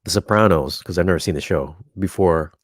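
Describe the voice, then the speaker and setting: A laid-back co-host chats casually and teases his partner. His voice sits very low. The sound is close and dry. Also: fairly quick, no echo. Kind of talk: casual live-stream chat.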